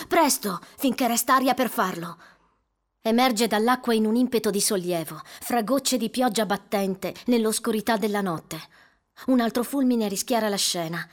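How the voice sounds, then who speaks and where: A woman reads a suspenseful novel aloud, measured and dramatic, building tension line by line. Her voice sits a touch higher than most women's. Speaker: audiobook narrator. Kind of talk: dramatic audiobook narration.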